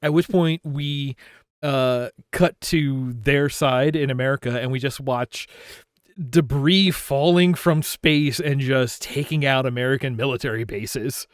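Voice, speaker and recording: A man's voice: mid-range voice, unhurried, clear, resonant tone, dry recording, clean studio sound. A man co-hosting a casual anime podcast, leading the talk with playful asides and frequent laughter. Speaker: podcast co-host leading the episode discussion.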